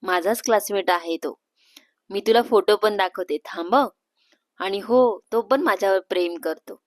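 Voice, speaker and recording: A woman voicing a bashful young woman, the elder sister, who speaks in a low, careful hush in a storybook reading. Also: a little slow, dry recording, clean studio sound, lightly acted. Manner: hushed, bashful, cautious.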